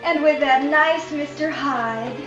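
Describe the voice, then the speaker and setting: A chatty, deferential housemaid. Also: female voice, high-pitched, slow pace. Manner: polite, gossipy. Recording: echoey dull old film soundtrack with music.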